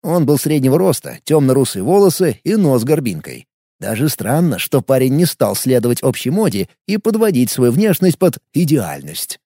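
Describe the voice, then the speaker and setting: A man's voice: mid-range voice, big pitch swings, moderate pace, dark tone, slightly rough, no room sound, studio quality. A man narrating an audiobook in first person, with an ironic storytelling manner.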